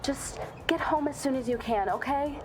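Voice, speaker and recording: A woman's voice: high voice, normal speed, a little mellow, soft background music, lightly acted. A woman playing a caring, worried sister on a phone call in an audio drama, concerned and urging.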